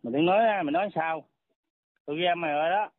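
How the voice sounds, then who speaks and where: A man's voice: a little high, very fast, dry recording. A man arguing heatedly on a phone call, blunt, insulting and threatening. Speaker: caller. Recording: tinny phone line, dry.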